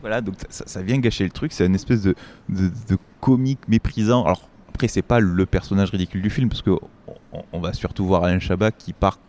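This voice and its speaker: A man's voice: low-pitched, fairly quick, warm tone, slight background noise. A man hosting a film review show, chatting casually in an indignant, rambling way with many restarts. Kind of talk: casual chat.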